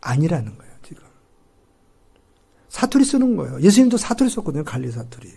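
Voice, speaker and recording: A middle-aged male pastor preaching a lively sermon in a church sanctuary. His slightly high, gravelly voice swings widely in pitch. He keeps firing rhetorical questions at the congregation and acts out the lines he quotes. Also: quick pace.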